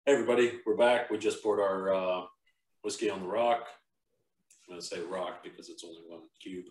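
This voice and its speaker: A low-voiced man hosts a relaxed tasting chat, rambling easily with plenty of ums and uhs. He sits back from the microphone, and the room gives his voice a roomy echo. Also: brisk. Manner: laid-back, rambling with fillers. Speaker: podcast host. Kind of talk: casual chat. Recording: roomy, from a distance.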